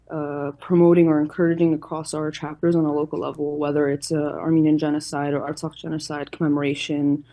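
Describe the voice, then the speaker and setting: In a warm, low-pitched voice, the chairperson of a youth organization gives formal, earnest answers as its representative in an interview, taking care to explain things.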